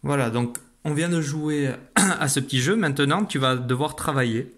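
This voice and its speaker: A man teaching young children a phonics lesson, saying each sound slowly and carefully. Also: fairly high pitch, fairly bright tone. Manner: slow, careful, stretched-out pronunciation of sounds. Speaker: primary school teacher.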